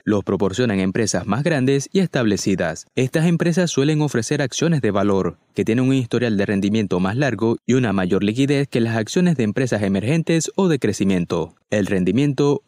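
A man reading a scripted voice-over for a finance explainer, in a steady, measured way. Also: fairly low pitch, no echo, studio quality. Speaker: finance channel narrator.

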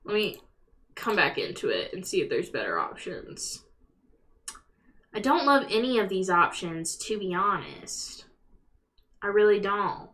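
Young woman streaming a game, slow-ish talker but super swingy pitch, swears, chats w viewers. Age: young adult. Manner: sweary, excitable. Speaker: live streamer. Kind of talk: casual game stream commentary, reading and answering chat. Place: small room at home, indoors.

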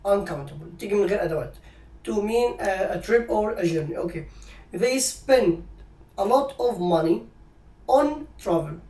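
A man with an Egyptian Arabic accent teaching English grammar, who explains in Arabic and reads the English examples out slowly. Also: sits high, a little mellow. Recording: echoey room, voice a little far from the mic.

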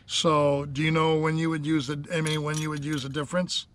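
A man's voice: a little high, flat delivery, fairly quick, a bit bright, far from the mic. An older man giving casual fishing tips from a small boat on a river, folksy and full of "you know" fillers. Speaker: fishing guide. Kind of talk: casual instructional chat. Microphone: action camera on the boat. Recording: outdoor camera mic with noise.

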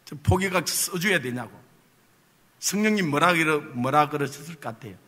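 A male pastor with a high, intensely bright and somewhat husky voice preaches in a large church hall, his words trailing off into a long reverb. He tells his story with humor and keeps asking the congregation rhetorical questions. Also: expressive, fairly quick. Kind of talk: sermon with personal testimony.

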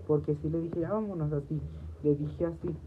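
A woman's voice: sits low, steady tone, normal speed. Rambling woman on a noisy phone stream. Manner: repetitive, restarts phrases, quotes herself often. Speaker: livestream host. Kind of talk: casual rambling storytelling to viewers. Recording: noisy tinny phone audio.

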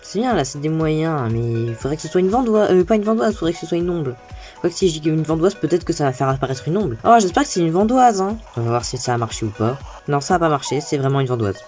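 A woman with a low voice gives casual commentary as she plays a video game. She talks in a chatty, expressive way, quick to sound exasperated. Faint game music runs underneath.

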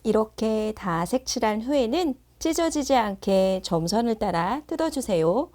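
A woman's voice: a little high, lively intonation, measured pace, mellow. A woman narrating a children's craft lesson in a simple, sing-song manner aimed at toddlers, like a Sunday school teacher.

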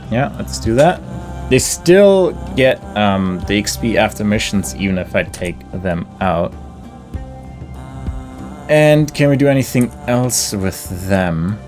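Over faint game music, a man hosting a let's play talks through his decisions in a slow, deliberative way, as if musing to himself. His fairly low voice has a darkish tone and swings widely in pitch.

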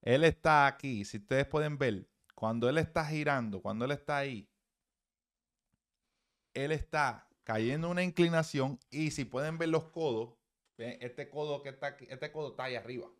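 A man's voice: medium pitch, normal speed. A man, a baseball hitting coach, giving blunt, profane, emphatic swing-analysis commentary.

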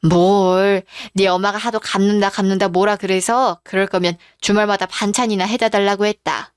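A woman's voice: mid-range voice, fairly even intonation, normal speed, clean tone, no room sound, clean studio sound, close to an everyday voice. A woman voicing a generous middle-aged aunt who talks in a breezy, teasing way.

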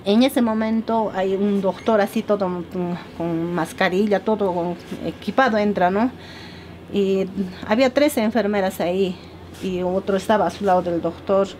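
A woman from Peru, giving a halting, earnest documentary testimony with many repetitions. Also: mid-range voice, fairly even intonation, darkish tone, a little hiss or hum. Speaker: interviewee.

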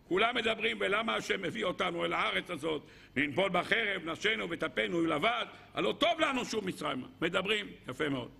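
A middle-aged rabbi teaches a Torah lesson in a high, bright voice. His tone is husky, with a gravelly edge. He keeps the listeners engaged with questions and moves between loud exclaims and low asides. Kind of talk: lively Torah lesson to a live group.

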